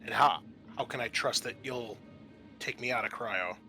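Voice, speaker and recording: A game master runs a tabletop roleplaying game, narrating informally and haltingly while improvising the scene. His voice is medium-pitched with a sharp tone, and faint music plays behind him.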